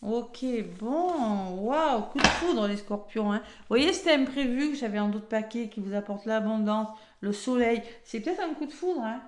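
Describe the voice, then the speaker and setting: A woman's voice: a little high, normal speed, few pauses, a little mellow, echoey room, slight background noise. A woman with a French accent giving a chatty weekly tarot reading, full of fillers and tag words. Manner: chatty, filler-heavy, frequent "hein". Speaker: tarot reader.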